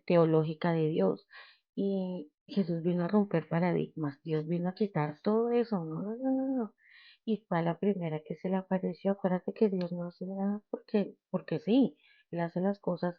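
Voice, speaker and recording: A middle-aged woman hosts a podcast. She tells her faith testimony and retells Bible stories in a lively way, acting out the quoted voices. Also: lowish voice, dry recording, muffled recording. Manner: lively storyteller who acts out the quoted voices. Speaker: podcast host.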